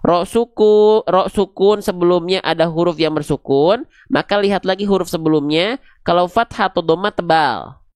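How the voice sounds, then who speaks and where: A Quran recitation teacher leading an online class, explaining patiently, going slowly and checking often that learners follow. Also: medium pitch, dry recording, clean studio sound. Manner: patient, repeats slowly, demonstrates sounds. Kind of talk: live online class with a whiteboard.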